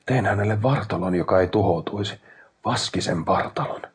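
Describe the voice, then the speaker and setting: A man's voice: lowish voice, slightly rough. A man voicing a grief-crazed male inventor in an audiobook, talking in frantic, strained, raised outbursts. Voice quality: strained, tense voice. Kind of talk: dramatic audiobook reading.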